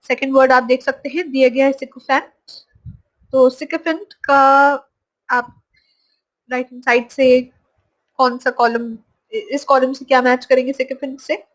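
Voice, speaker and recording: A woman teaching English vocabulary from slides, saying each word slowly and repeating it. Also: sits high, level tone, poor audio. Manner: slow, drawn-out pronunciation of each word, repeated. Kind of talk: slide-based vocabulary lesson.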